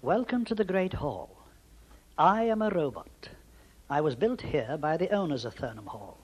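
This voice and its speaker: Robot cavalier guide, voiced by a man, recorded voice played from a cassette, formal recited tour, husky, sing-song. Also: a little high, sing-song, darkish tone, poor audio. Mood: stately, welcoming. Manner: formal and measured, like a recited script. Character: six-foot robot cavalier acting as a stately-home tour guide, male. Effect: robot voice played from a cassette tape inside the robot. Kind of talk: scripted guided-tour speech.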